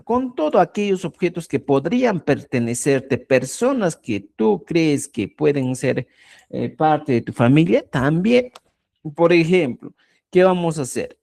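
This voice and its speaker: A man's voice: a little high, darkish tone. A man teaching a live online language lesson, explaining patiently and often checking in with short tag questions.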